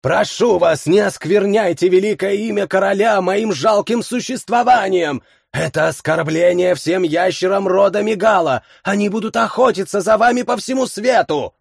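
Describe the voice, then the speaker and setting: A shrill hissing lizard woman, as a man puts her on. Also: normal speed, gravelly, few pauses, husky, no room sound, studio quality, heavily acted. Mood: pleading. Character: hot-tempered scaly lizard woman, servile and vicious.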